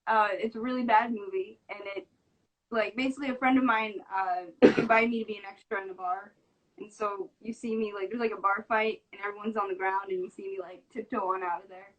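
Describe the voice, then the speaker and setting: A woman's voice: medium pitch, steady tone, fairly quick, low-quality recording. A young woman chatting casually and lightheartedly, laughing easily. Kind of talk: casual chat.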